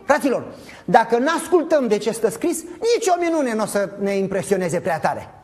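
Un pastor de vârstă mijlocie care predică animat, cu întrebări retorice către adunare și replici jucate. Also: male voice, sits high. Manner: animated, emphatic preaching with acted-out dialogue; addresses congregation directly with rhetorical questions. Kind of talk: sermon.

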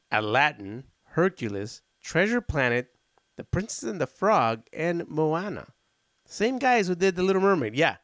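Talking about old films with enthusiasm, a man hosts a casual podcast, wandering off on tangents and restarting his sentences often. His voice sits fairly high and is a bit bright, recorded at studio quality with no echo.

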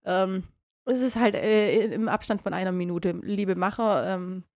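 Chatty woman, lively with fillers. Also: medium pitch. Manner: lively, laughs often, halting fillers. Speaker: podcast co-host. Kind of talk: casual chat recapping a radio play episode.

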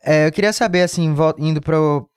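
A woman's voice: deep voice, moderate pace, darkish tone, smooth, no room sound, studio quality. A woman with a northeastern Brazilian accent from Recife, interviewing in a casual, conversational way.

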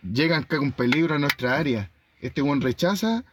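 Chilean man, young adult, casual storytelling, animated, faint noise behind. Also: fairly high pitch, moderate pace. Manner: animated storytelling with sound effects. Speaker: storyteller among friends. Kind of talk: casual chat.

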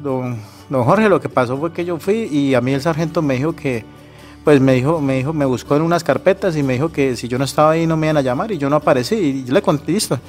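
A man with a Colombian accent tells a personal story at an ordinary, mid-range pitch. He speaks casually, slips into the other people's voices for the quoted dialogue and keeps saying brother. His voice is slightly shaky with emotion, and faint music plays behind him. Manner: conversational, acts out quoted dialogue, says brother often.

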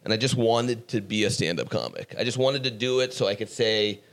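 A man's voice: lowish voice, lively intonation, brisk, a bit bright. A man born in Iran, a stand-up comic, telling stories in a casual podcast chat. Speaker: comedian podcast host.

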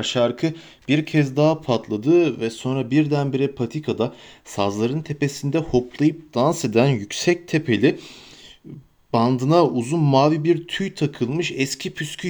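A man narrating a fantasy story aloud in a steady storytelling manner. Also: fairly high pitch. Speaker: audiobook narrator. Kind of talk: scripted narration.

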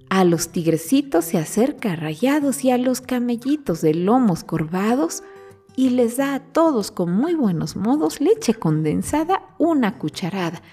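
A woman's voice: mid-range voice, dark tone, breathy edge. A woman reciting a rhyming children's story poem in a sing-song storybook manner.

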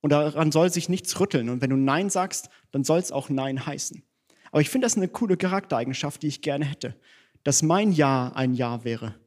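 A man's voice: on the high side, normal speed, a little mellow. A man preaching a sermon in church, conversational and self-deprecating, mixing teaching with personal stories.

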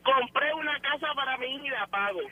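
A woman's voice: high-pitched, a little fast, over a noisy crowd. Indignant woman calling in by phone. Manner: indignant, insistent. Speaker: caller. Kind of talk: phone-in call. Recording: phone line on radio.

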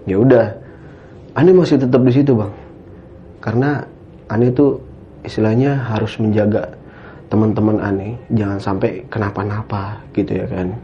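On a dull lo-fi recording with a little hiss or hum, a man with a fairly low voice rambles through a story as a guest in casual talk, tagging sentences with "gitu ya kan" and repeatedly calling the listener "Bang."

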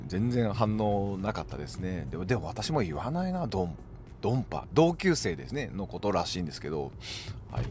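A man with a Hokkaido accent talks through a casual solo podcast episode in a lowish voice. His pitch moves all over the place as he chats, and he fills the gaps with short affirmations. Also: very animated, a little fast, a little mellow. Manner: chatty, dotted with "hai" affirmations. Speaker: podcast host.

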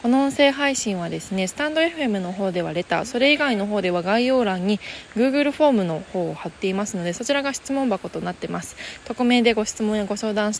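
A young woman hosts a casual solo radio talk in a gentle, reflective way, pausing on soft fillers as she thinks. Her pitch sits in the middle of the usual range for a woman. She was recorded outdoors in the mountains, with faint background noise around her. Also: animated. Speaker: podcast host. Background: faint nature sounds.

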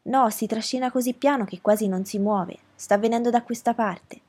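A woman voicing an anxious, insistent young boy who speaks higher and louder than her narration. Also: moderate pace, breathy edge. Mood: urgent. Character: urgent boy, older brother, anxious and insistent.

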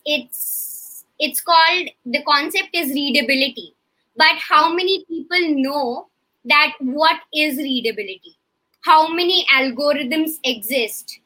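Bright high-voiced woman guest. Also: rough recording. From India. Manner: analytical, assertive. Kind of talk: casual live-stream chat.

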